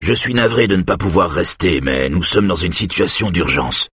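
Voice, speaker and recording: A man's voice: low-pitched, lively intonation, normal speed, a bit bright, breathy edge, no room sound, clean studio sound, full character voice. A man reading an audiobook, voicing a stubborn, injured father in his sixties who gives curt commands.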